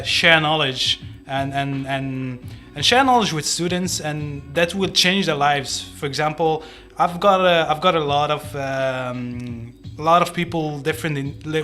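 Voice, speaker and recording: A man with an Algerian accent and a slightly high, bright, pushed voice answers interview questions at a measured pace, sounding like a teacher explaining himself in conversation. He's an English teacher appearing as a podcast guest, with soft music playing in the background.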